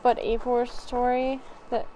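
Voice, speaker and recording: A female game streamer giving casual commentary. She speaks slowly and haltingly in a fairly high voice, thinking aloud, with slight noise behind her. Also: flat delivery, mellow, rough recording.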